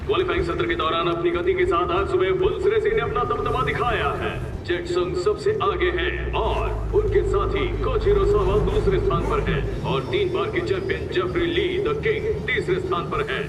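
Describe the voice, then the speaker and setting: A man voicing a male race commentator in a dubbed film, excited and lively. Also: sits high, moderate pace, background noise, close to an everyday voice. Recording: roomy, distant, music behind.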